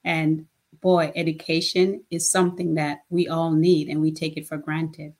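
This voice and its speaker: A woman's voice: low voice, level tone, normal speed, darkish tone. A woman, speaking plainly and emphatically as a nonprofit founder in an interview. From Jamaica. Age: 50s. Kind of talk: casual interview talk.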